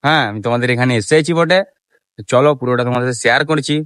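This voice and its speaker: Fast-talking young man vlogging a train trip. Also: mid-range voice, smooth, dry recording, studio quality. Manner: chatty, keeps asking "ঠিক আছে?", talks softly when alone. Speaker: travel vlogger. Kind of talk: casual travel vlog to camera. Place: train station and train.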